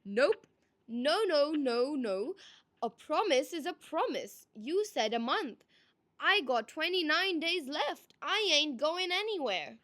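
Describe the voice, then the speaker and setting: A woman performs a sly male trickster from a storybook. The voice is high and swoops upward with melodrama. The manner is folksy, cheerful and full of exaggerated thanks. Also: big pitch swings, slow, a bit bright, full character voice. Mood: stubborn. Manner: folksy, exaggerated, mock-grateful. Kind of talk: acted storybook dialogue.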